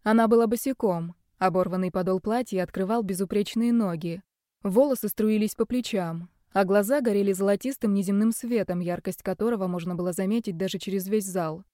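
A woman narrating an audiobook in a steady, expressive reading. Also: mid-range voice, fairly quick, no echo, studio quality. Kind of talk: scripted narration.

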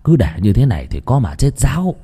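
A man voicing a grave older villager in a ghost story, urging the others in a low, quiet, urgent voice. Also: very animated, brisk, slightly rough.

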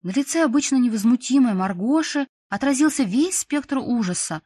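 A woman narrating a first-person novel in a lively, wry storytelling manner. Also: high-pitched, normal speed, breathy edge, dry recording, studio quality. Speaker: audiobook narrator.

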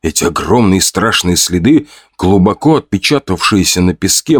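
A man giving expressive scripted narration of an audiobook. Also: medium pitch, husky.

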